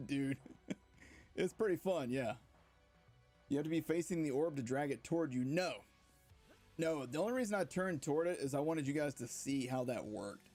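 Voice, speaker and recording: A man streaming gameplay live, excitedly commenting, laughing often and talking to his viewers. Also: on the high side, moderate pace, pauses often, faint music behind. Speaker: game streamer.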